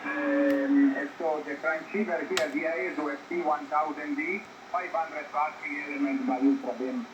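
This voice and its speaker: A man from northwestern Italy with an Italian accent, a ham radio operator talking haltingly with fillers, heard over a shortwave signal that keeps breaking up. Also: a little high, expressive, dull audio. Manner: halting, with many fillers and polite thanks. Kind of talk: ham radio contact exchange. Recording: noisy echoey shortwave radio reception.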